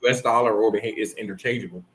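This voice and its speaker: A man's voice: on the low side, steady tone, fast talker, a bit bright, low-quality recording. Bahamas-born man chatting loosely as host. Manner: rambling, many restarts and fillers. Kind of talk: casual chat.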